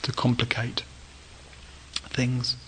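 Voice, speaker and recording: A male meditation teacher giving a dharma talk at a retreat, speaking gently in short, inviting phrases with pauses. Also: medium pitch, monotone, husky, poor audio.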